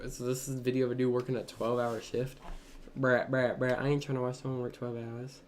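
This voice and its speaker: A man's voice: mid-range voice, little pitch movement, fairly quick. A man streams and reacts casually, talking bluntly in loose slang. A faint ambient hum sits behind his voice.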